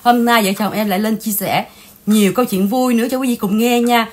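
A woman host from Vietnam chats in a casual gossip commentary style. She sounds indignant and talkative, often turning to speak straight to her viewers. Her voice sits a touch higher than most women's. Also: steady tone, fairly quick. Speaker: channel host.

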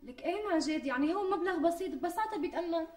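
A demanding Damascene bride. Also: female voice, very high-pitched, expressive, a little mellow. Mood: insistent. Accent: Syrian, Damascene. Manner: wheedling, quick to take offence. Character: pampered young pregnant bride, demanding and coaxing. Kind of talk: TV sketch acting. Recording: distant mic with faint music.

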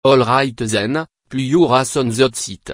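A man's voice: mid-range voice, unhurried, very noisy, lightly acted. A man voicing a pompous, mocking, foul-mouthed host of a cartoon parody game show. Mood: sneering showmanship.

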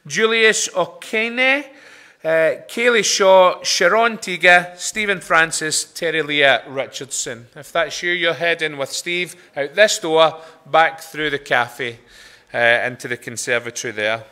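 Glasgow accent guy leading chapel at a lectern, really bright punchy voice, slightly high. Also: measured pace. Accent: Glaswegian Scottish. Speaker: chapel service leader. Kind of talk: informal spoken announcements from a lectern. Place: brick-walled chapel with a seated congregation. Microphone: lectern microphone.

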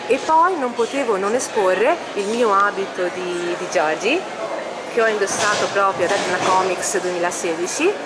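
A woman in a busy convention hall, steering her handheld camera from case to case as she talks through her collection. Her voice sits at an ordinary middle pitch, casual and a little halting as she names each piece. Heavy crowd noise fills the space around her. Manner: walking the camera through display cases, listing items with small hesitations. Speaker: collector showing her exhibit. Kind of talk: casual guided tour narration. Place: indoor convention hall stand. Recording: loud background noise of a public hall. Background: loud convention crowd ambience.

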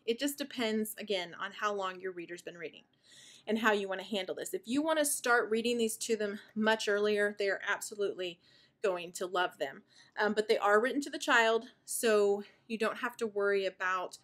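A woman's voice: medium pitch, normal speed. A woman in her thirties, a homeschooling mother, explaining her curriculum in a chatty, enthusiastic way while out of breath and sighing. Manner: chatty and warmly enthusiastic, with fillers. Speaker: homeschooling mother and video host. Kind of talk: casual show-and-tell explanation.

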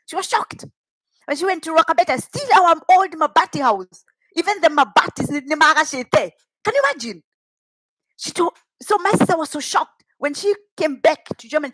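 A woman's voice: high-pitched, fairly bright tone, dry recording, poor audio. A middle-aged woman with a Kikuyu Kenyan accent, telling a personal story in a dramatic, emphatic way on a headset mic. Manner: dramatic, emphatic, with rhetorical questions. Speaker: vlogger telling own life story. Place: home kitchen, indoors.

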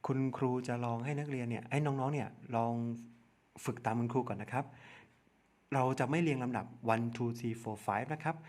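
A man with a Thai accent teaching young children English numbers, spelling out letters one at a time and repeating each word slowly. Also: mid-range voice, a little mellow. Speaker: primary school English teacher. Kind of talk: slow step-by-step lesson narration.

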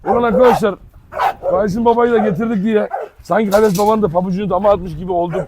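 Vlog host, man from Turkey, high-pitched and teasing, with a faint hiss behind him, outdoors by a camera mic. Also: steady tone, fast. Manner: loud, teasing, coaxes dogs with pet names. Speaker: dog channel host. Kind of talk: casual vlog to viewers. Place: outdoor yard with dogs.

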